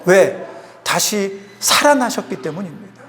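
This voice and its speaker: A man's voice: sits high, sing-song, a little slow, fairly bright tone, a little hiss or hum. A male pastor preaching a sermon in a church, emphatic and acting out the quotes. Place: church sanctuary. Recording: long hall reverb.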